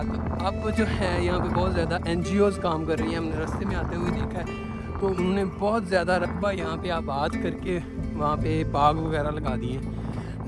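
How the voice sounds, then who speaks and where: A man from Pakistan with a Punjabi accent narrating a casual travel vlog, showing and explaining things conversationally as he walks around outdoors. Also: on the high side. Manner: conversational show-and-tell with repeated pointing phrases. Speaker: travel vlogger. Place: outdoors in a windy rural village.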